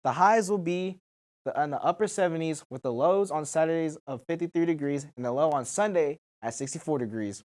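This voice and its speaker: A man's voice: fairly high pitch, brisk, darkish tone. A teenage boy presenting the weather on a student news show, reading temperatures and rain chances steadily. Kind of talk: scripted weather report.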